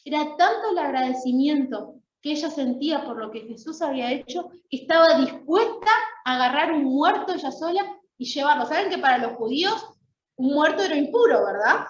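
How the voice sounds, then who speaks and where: High-voiced woman preaching in an echoey church. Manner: conversational preaching, often checks in with "¿sí?". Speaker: lay preacher. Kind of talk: Easter week sermon. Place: church sanctuary. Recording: echoey, dull church sound.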